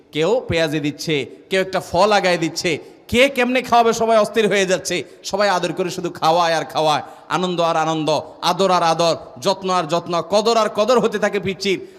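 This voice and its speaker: A man's voice: high voice, fairly bright tone, long reverb tail. A male Islamic preacher giving a storytelling sermon, asking repeated rhetorical questions and building long repeated lists. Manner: rhetorical refrains, repeated lists, acts out family voices.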